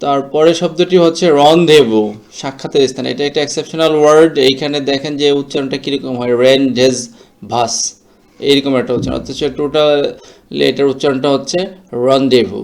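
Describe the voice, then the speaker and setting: Man slowly explaining English pronunciation. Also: fairly high pitch, steady tone. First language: Bengali. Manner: slow, explanatory, mixes English words into his talk. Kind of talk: explanatory lesson.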